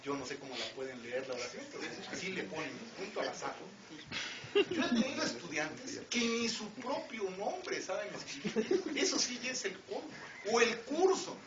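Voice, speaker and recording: A man's voice: high-pitched, sing-song, normal speed. A middle-aged man with a Mexican accent lecturing students in an academic talk, with wry joking asides and frequent rhetorical questions. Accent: Mexican Spanish. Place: lecture hall with audience. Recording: roomy, distant, dull, noisy lecture hall recording.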